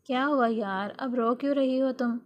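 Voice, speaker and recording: A woman's voice: sits high, muffled recording, natural voice. A woman voicing a devoted young husband in a read-aloud romance novel, speaking earnestly and tenderly. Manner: earnest, pleading.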